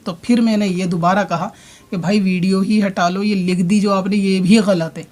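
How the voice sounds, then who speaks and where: High-pitched, flat-voiced man arguing a rebuttal. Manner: argumentative, addresses his opponent directly; explains at length with repeated points. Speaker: religious online commentator. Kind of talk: spoken rebuttal monologue.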